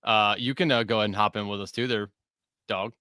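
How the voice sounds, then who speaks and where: Bright-voiced man reading chat aloud. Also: fairly low pitch, fairly even intonation, fairly quick, smooth, dry recording, clean studio sound. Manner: reads chat aloud, filler-heavy, laughs often. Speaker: podcast host. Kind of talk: casual live-stream banter.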